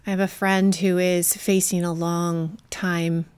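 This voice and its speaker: A woman taking part in a faith-based podcast discussion, thoughtful and measured, pausing to search for words. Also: on the low side, level tone, a little mellow, clear, resonant tone, dry recording. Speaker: Bible study participant.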